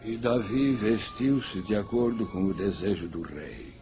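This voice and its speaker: A man's voice: on the low side, a little slow, mellow, faint music behind. A man narrating a scripted story in a dramatic storytelling style.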